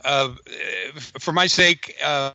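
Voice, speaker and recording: A man from the United States calling in as a guest, his audio glitching and breaking up, talking haltingly and often restarting his phrases. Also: a little high, steady tone, pushed and bright, clear, resonant tone, dry recording. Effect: glitchy phone line that keeps breaking up. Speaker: guest caller. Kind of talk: call-in interview. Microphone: phone line. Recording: dull lo-fi call audio.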